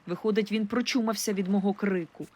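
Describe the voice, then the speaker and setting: Expressive woman narrating an audiobook. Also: medium pitch, brisk. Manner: expressive, lively storytelling. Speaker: audiobook reader. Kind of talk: first-person audiobook narration.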